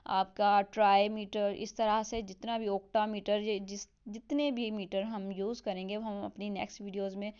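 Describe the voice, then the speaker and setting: A woman explaining a literature lesson step by step, asking herself questions and reading English definitions slowly. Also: medium pitch, little pitch movement, a little mellow, clear, resonant tone, dull audio. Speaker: online English literature teacher. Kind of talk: explanatory lesson, Hindi mixed with English terms.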